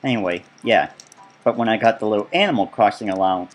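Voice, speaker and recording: Low-voiced man rambling through gameplay. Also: quick pace, soft background music. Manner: rambling, chatty asides while touring his build. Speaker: let's play gamer. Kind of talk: casual gameplay commentary.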